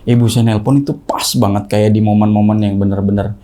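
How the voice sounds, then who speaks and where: A young man telling a ghost story in casual talk, acting out the quoted voices in a higher pitch. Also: brisk. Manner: animated, acts out the quoted voices with rising pitch. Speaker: guest storyteller.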